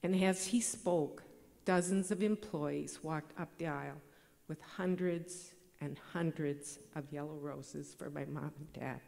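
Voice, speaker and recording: A middle-aged woman, giving a measured, earnest award acceptance speech at a podium microphone in a large banquet hall. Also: sits low, creaky, a little mellow. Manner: measured, earnest, read from notes. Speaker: award recipient. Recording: long hall reverb.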